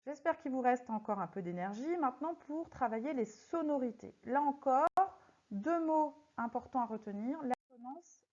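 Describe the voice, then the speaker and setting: A woman teaching a recorded lesson on poetry, speaking slowly and deliberately and stressing words syllable by syllable as she works through exercises. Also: sits high, expressive, a little mellow. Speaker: French teacher. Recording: slightly muffled lo-fi audio.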